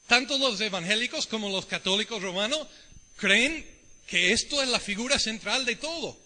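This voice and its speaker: A middle-aged American man with an Ecuadorian Spanish tint preaches a sermon in a church. His voice sits high and rings very bright, and he keeps asking the congregation questions. A long church reverb trails after his words. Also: animated, normal speed. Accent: American with Ecuadorian Spanish mix. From United States. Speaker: visiting preacher.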